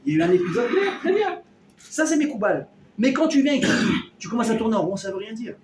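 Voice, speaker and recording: A man teaching a lively Torah class to a live audience, acting out everyday dialogues and firing questions at his listeners. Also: extremely high pitch, fast. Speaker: rabbi teaching a weekly class. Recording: roomy hall, mic at a distance, faint noise.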